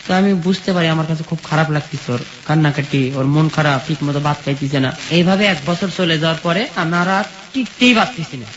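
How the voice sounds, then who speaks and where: A young adult man from rural Bangladesh talks briskly in a slightly high voice, barely pausing, as he relates his life story for an interview. He keeps to simple village speech, recounting events one after another and quoting conversations. The recording is dull and has a steady sizzle.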